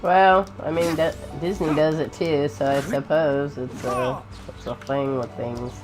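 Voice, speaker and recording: A gamer and streamer rambles informally while playing, chatting casually about games over game music in the background. The voice is mid-range with fairly even intonation and a slightly slow pace.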